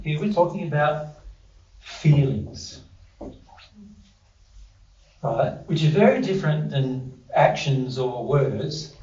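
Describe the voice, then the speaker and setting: In a warm voice on the high side, an Australian man leads a casual spiritual talk for a small audience in a living room, echoing back their answers conversationally. The recording is distant, dull and echoey.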